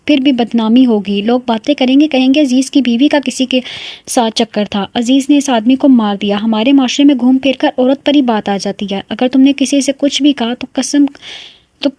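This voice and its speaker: Woman doing a scared young wife, pleading and tense, high dry voice. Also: mellow, no room sound. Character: frightened proud young wife.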